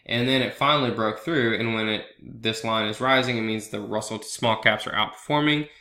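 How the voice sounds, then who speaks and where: At a moderate pace and with a pushed, bright, lowish voice, a man hosting his own market analysis video blog goes over stock charts on a screen recording, sniffling a little from a cold. The sound is roomy, and his trader's commentary is relaxed and conversational, dotted with fillers and "right?" asides.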